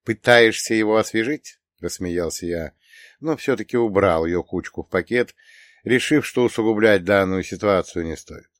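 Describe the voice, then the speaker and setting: A man reads a first-person audiobook with a wry, ironic touch. His voice sits on the low side. The recording is close and dry, with no room sound. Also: normal speed, no room sound. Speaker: audiobook narrator. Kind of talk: scripted first-person narration.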